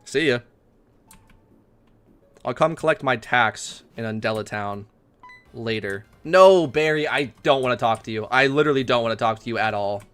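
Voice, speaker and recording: Excitable young man streaming a game. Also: medium pitch, moderate pace, pauses often. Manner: excitable, swears often, rants loudly at the game. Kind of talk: casual game livestream commentary.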